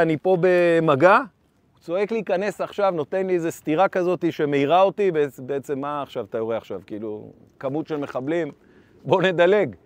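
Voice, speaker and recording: A man in his fifties, a former tank brigade commander, giving an urgent first-person account of combat and re-enacting the shouted orders. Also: fairly high pitch, no echo.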